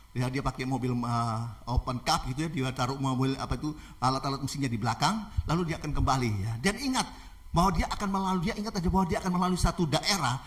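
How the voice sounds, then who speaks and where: A man preaching a sermon, telling a story animatedly with many repeated "ya"s. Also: on the high side. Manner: animated, repetitive with filler "ya".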